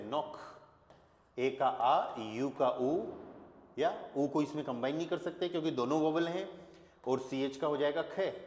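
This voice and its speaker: A man teaching a language lesson, patiently spelling letters out slowly and checking that his students follow. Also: on the high side, a little mellow. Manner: patient, repeats key points with "ठीक है" checks. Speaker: German teacher. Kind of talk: classroom-style language lesson. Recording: echoey room with long reverb.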